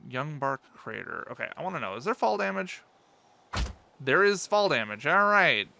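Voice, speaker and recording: A man's voice: high voice, sing-song, normal speed, vocal fry, sharp tone, a little hiss or hum. A man casually commenting as he plays a video game for the first time, curious and thinking aloud. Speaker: gaming channel host. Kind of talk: casual let's-play commentary.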